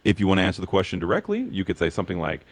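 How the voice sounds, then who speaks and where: A man's voice: deep voice, huge pitch swings, very fast, husky, dry recording. A man tutoring Japanese, asking practice questions and explaining with encouraging feedback.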